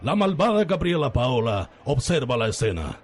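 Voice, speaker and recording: A man from Spain hosts and narrates a parody radio soap, delivering it in a dramatic, scripted style with a Spanish accent. His voice sits at medium pitch, very animated, at a normal speed.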